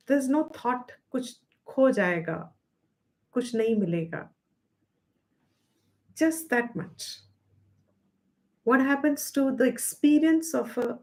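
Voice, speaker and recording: An Indian woman leads a scripture study class in a voice pitched a little above usual. She explains patiently, slowing down to weigh each key term. Hindi phrases slip naturally into her English. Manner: explanatory, slows to stress key terms. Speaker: Vedanta teacher.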